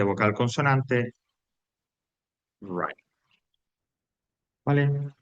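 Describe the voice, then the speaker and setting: A man's voice: mid-range voice, fairly bright tone, no echo. A man recording an online English grammar lesson for Spanish speakers, patiently repeating each rule step by step. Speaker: English teacher.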